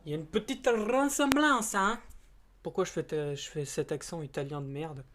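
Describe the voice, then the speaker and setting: A man's voice: a little high, normal speed, a bit bright, slight background noise. Rambling, hesitant young man chatting casually. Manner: rambling and hesitant, with many fillers and restarts; informal and a bit crude. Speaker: YouTuber. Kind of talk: casual chat to camera.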